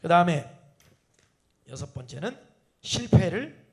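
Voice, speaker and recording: A man preaching to his congregation in a high voice that swings up and down a lot. He keeps asking the listeners questions. He slips into voices for parents and children in everyday family scenes. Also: sing-song, unhurried. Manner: addresses the congregation with rhetorical questions; acts out family dialogues in changing voices. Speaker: pastor. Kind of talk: sermon at an evening prayer meeting.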